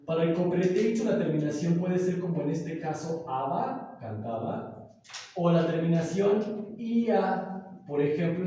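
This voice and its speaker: A man's voice: on the high side, mellow, a little hiss or hum. A man teaching a grammar class, explaining step by step and often checking in with his students. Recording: very echoey room, voice from far off.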